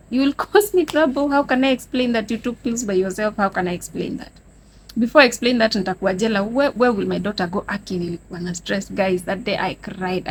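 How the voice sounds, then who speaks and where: There's slight background noise as a young Kenyan woman with a medium-pitched voice tells a dramatic personal story. Her Kenyan accent shows as she mixes Swahili and English in a casual storytime vlog. She narrates with animated flair and keeps calling her viewers "guys."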